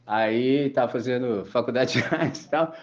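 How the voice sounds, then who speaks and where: A man from Brazil preaching a sermon and telling funny anecdotes in slangy, animated speech. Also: medium pitch, normal speed. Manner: animated storytelling, slangy and laughing. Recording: dull lo-fi recording.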